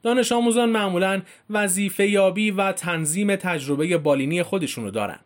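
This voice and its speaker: A man reading a formal informational script as a narrator, with casual spoken word endings. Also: sits high.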